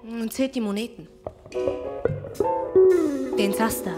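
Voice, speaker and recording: A woman's voice: a little high, steady tone, slow pace. A woman from Iran performing spoken word poetry, with rhythmic, repeated rhetorical questions. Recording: loud music behind the voice.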